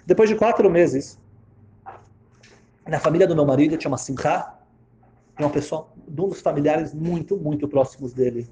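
Male storyteller, fairly high voice, emphatic and dramatic, repeats lines for effect. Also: moderate pace, pauses often, warm tone, a little hiss or hum. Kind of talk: dramatic first-person storytelling.

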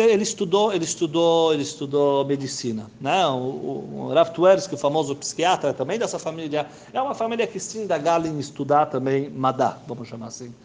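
A man telling a moral story as a religious teacher. He is earnest, repeats words for weight, and his voice sinks softly at the ends of phrases. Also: fairly high pitch, slight background noise. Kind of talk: storytelling sermon.

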